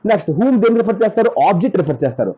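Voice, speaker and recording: A teacher explaining grammar notes, who repeats points, corrects their own slips and reads the example sentences slowly. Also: mid-range voice, big pitch swings, husky. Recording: dull lo-fi recording.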